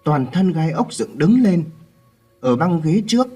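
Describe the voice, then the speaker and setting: A man narrating a scripted ghost story with a dramatic, expressive reading. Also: fairly high pitch, a little slow, husky, soft background music.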